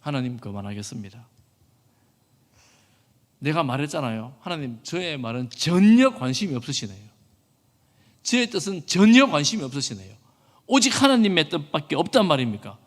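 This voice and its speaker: A man's voice: mid-range voice, moderate pace, long pauses, close to an everyday voice. A man preaching in a church voices Jonah as a sulking, self-pitying male prophet, whiny and pleading. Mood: complaining. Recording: echoey church hall.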